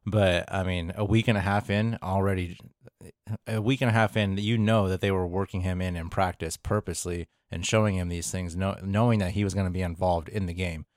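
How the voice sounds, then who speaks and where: A man's voice: sits low, fairly even intonation, fairly quick, no room sound, studio quality. A man co-hosting a fantasy football podcast, talking in an easygoing, joking way with frequent fillers. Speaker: podcast co-host. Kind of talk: casual fantasy football chat.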